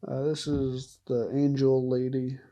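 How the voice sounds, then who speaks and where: Slow, rambling young man vlogging. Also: mid-range voice, monotone, mellow. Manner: rambling, laughs often, trails off and restarts. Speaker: vlogger ranking show characters. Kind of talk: casual rambling commentary.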